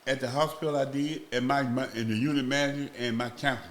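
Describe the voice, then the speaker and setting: A man's voice: mid-range voice, steady tone, fairly bright tone, slight background noise. Man telling a rambling story. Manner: slow, rambling, acts out voices in his stories. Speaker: podcast guest. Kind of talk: casual storytelling.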